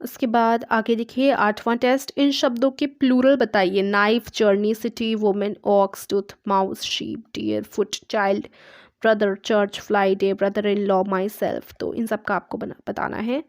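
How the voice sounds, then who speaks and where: A woman's voice: medium pitch, flat delivery, a little slow, no room sound, studio quality. A young woman with an Indian accent teaching an online English lesson, patiently walking through test items and checking in after each one. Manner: patient, repeats "ठीक है" after each point.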